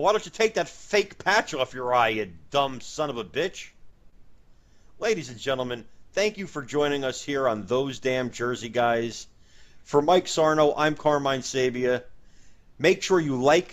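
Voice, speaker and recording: A man's voice: mid-range voice, animated, measured pace. A man hosting a comedy sketch, talking in an emphatic, mock-indignant way. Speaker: comedy show host.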